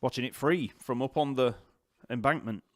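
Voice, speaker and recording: A man with a Yorkshire accent hosting a casual live-stream Q&A, chatty and rambling and quick to laugh. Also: mid-range voice, no room sound, studio quality. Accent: Yorkshire English. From Yorkshire, England. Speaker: bass teacher and channel host. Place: home, near an island festival site.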